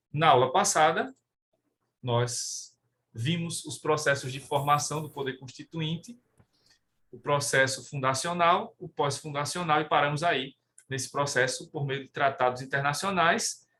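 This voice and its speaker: Brazilian man, class lecture, bright voice, steady explaining, faint hiss. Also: fairly high pitch. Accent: Brazilian Portuguese. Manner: steady explaining tone with frequent "né?" tags. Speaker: law professor.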